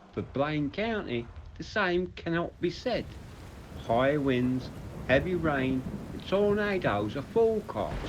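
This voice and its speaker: A man's voice: medium pitch, noisy background. A man playing a chipper, gullible weatherman reporting from a yacht. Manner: chipper, broadcast delivery.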